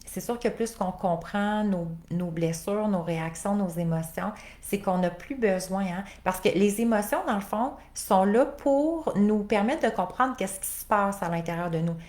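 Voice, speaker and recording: A woman's voice: fairly low pitch, a little mellow. A woman life coach with a Québécois accent, giving a conversational live talk full of fillers and rhetorical questions. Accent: Québécois French. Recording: roomy echo.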